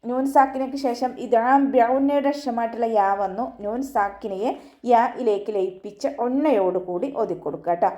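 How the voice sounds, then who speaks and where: Woman, recitation teacher, patient stepwise explaining, slow high chanting of verse words, warm mellow tone. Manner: patient step-by-step explanation, often ending with a soft "tto". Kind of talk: online tajweed lesson.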